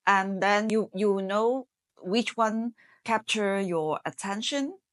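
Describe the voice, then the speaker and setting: Slow, measured woman from Hong Kong. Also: medium pitch. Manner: measured, explanatory, with some fillers. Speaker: marketing executive, interview guest. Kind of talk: business interview answers.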